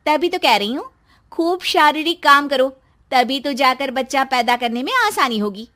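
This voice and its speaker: A woman voicing a bossy, sharp-tongued young wife who scolds loudly and mocks her husband. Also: high voice, moderate pace. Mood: scolding. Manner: loud, scolding, sarcastic. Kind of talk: storybook voice acting.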